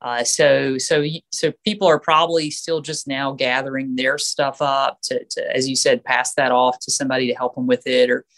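A woman's voice: a bass voice, level tone, normal speed, few pauses. Nasal-sounding woman with allergies. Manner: explanatory, frequent fillers and restarts. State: stuffy nose from allergies. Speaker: certified financial planner guest.

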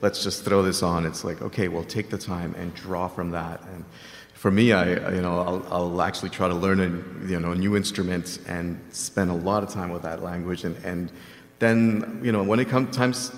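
A man's voice: low-pitched, steady tone, normal speed, roomy sound, long reverb tail. A man from Venezuela, a game composer and multi-instrumentalist, speaking earnestly on a panel. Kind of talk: panel discussion.

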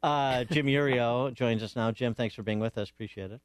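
A man's voice: mid-range voice, normal speed. A man hosting a TV talk show, sarcastic and joking. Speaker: host.

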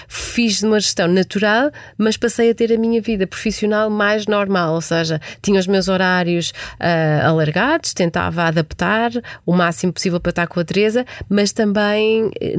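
A woman's voice: mid-range voice, a little mellow, dry recording, clean studio sound. Reflective Portuguese woman in her forties. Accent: European Portuguese. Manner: reflective, frequent restarts and hesitations. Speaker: podcast guest, executive. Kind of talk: conversational interview answers.

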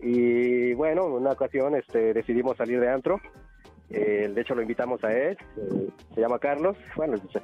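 A man's voice: medium pitch, normal speed, faint music behind. A man with a Mexican accent calling a radio show over a telephone line, rambling as he tells gossip and often chuckling. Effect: heard over a telephone line. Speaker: radio call-in caller. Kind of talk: casual phone chat, telling gossip. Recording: dull, muffled phone line.

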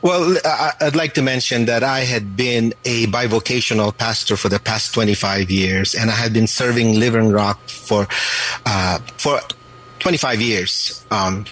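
A man in his late fifties, a pastor born and raised in the Philippines, answering radio interview questions in a halting way, with many restarts and fillers. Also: fairly low pitch, fairly bright tone, poor audio.

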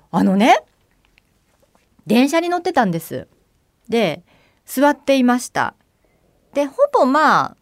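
A middle-aged woman hosts her own radio show, chatting her way through an everyday story and putting on little voices for the people in it. Her pitch swings widely as she talks, and the studio sound is close and dry with no room echo. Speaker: radio host. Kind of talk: casual solo radio monologue.

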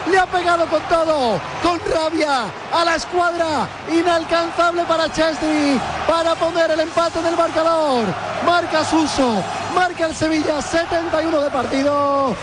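Very high-pitched man in breakneck goal commentary. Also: steady tone, moderate pace. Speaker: football commentator. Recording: roaring stadium crowd, noisy broadcast clip.

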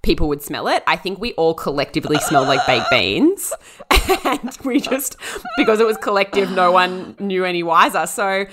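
A woman with a low voice co-hosts a chatty podcast. She tells stories informally, with plenty of exaggeration in how she puts things. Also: big pitch swings, normal speed, heavy background noise. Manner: informal, hyperbolic storytelling. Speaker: podcast co-host. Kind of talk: casual podcast chat.

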